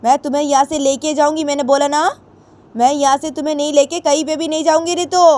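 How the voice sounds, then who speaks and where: A woman voicing an angry mother who scolds her grown daughter with shrill, insistent repetition. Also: darkish tone, natural voice.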